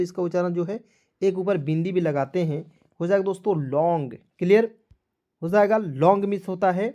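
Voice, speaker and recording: Male English teacher, mellow voice, letter-by-letter spelling lesson, repeats each word, answers his own questions. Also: high-pitched, highs cut off. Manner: repetitive, asks questions and answers them himself.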